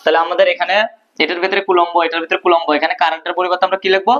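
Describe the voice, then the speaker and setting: A man's voice: high-pitched, level tone, rapid-fire, fairly bright tone. A male teacher explaining a physics proof at a board, asking questions and answering them himself. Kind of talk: physics lesson at a whiteboard. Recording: dull lo-fi recording.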